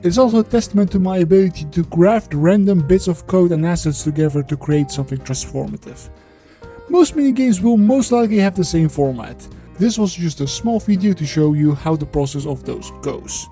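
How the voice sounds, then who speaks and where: A man talking through a voice changer that disguises his voice, narrating a game-development video in a blunt, sweary way that gets loose and halting when he goes off script. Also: high voice, expressive, warm tone, soft background music. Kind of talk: devlog voiceover.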